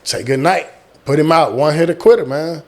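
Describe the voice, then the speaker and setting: A man's voice: a little high, normal speed, background noise. Middle-aged man telling stories. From small-town Texas, United States. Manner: animated retelling, acting out quotes, repeating words for emphasis. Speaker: guest, military veteran. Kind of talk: casual personal storytelling.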